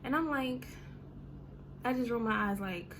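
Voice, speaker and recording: With a slightly high, somewhat bright voice, this woman speaks at a measured pace against slight background noise. She's a vlogger in her thirties giving her audience a casual, chatty rant peppered with "um" and "you know".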